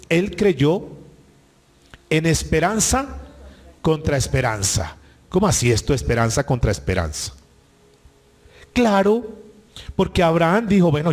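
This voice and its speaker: A man's voice: a little high, big pitch swings, unhurried, pauses often, a little mellow. A male pastor delivering a sermon, preaching emphatically and repeating key phrases to the congregation.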